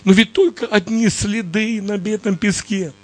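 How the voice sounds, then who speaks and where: A man's voice: high voice, steady tone, measured pace. A man voicing a frightened, grieving believer who pleads with God in anguish. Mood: pleading.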